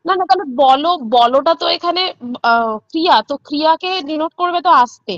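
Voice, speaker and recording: A woman's voice: high-pitched, fast talker, a bit bright, no room sound. Hesitant woman student with a dull sound. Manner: hesitant, searching for words. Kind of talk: questioning the teacher in class.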